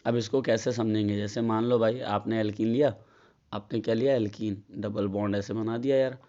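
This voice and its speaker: A man's voice: lowish voice, fairly even intonation, moderate pace, dark tone, lo-fi sound. A man with a Hindi accent giving a casual chemistry tutorial, asking and answering his own questions. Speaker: chemistry teacher. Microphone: phone.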